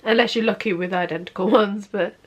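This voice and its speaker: A sniffly makeup vlogger in her twenties, sitting on her bed in her bedroom, chats casually through a tutorial and keeps saying "obviously." Her medium-pitched voice is brisk, with fairly even intonation and a breathy edge.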